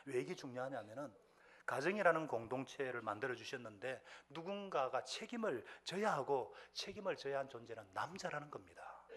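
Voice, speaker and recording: A man preaching a sermon as pastor, who asks the congregation questions and swings between loud outbursts and hushed whispered asides. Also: mid-range voice.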